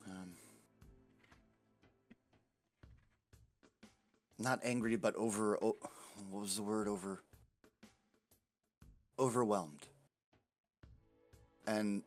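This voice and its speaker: A man voicing a frightened young girl who stammers and repeats herself nervously. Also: on the low side. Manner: stammering, halting, nervous repetitions.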